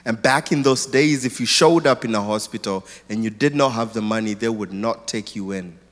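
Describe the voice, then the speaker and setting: A man's voice: lowish voice, moderate pace. A man from Kenya, a guest speaker telling his life story earnestly and thoughtfully in church. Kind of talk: personal testimony in church. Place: large church auditorium. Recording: long hall reverb.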